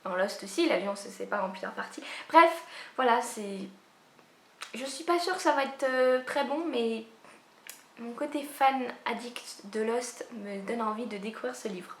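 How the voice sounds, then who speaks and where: A woman's voice: a little high, a little slow, a bit bright. A woman book vlogger chatting casually about upcoming releases, rambling with many fillers and restarts. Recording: echoey room.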